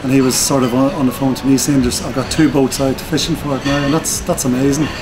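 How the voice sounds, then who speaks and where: A man's voice: mid-range voice, level tone, fast, a crowd in the background, poor audio. A man, a chef and restaurant owner raised in Donegal, explaining his dish in an easy, enthusiastic way. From born in Dublin, raised in Donegal, Ireland. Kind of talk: casual interview. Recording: clear background noise.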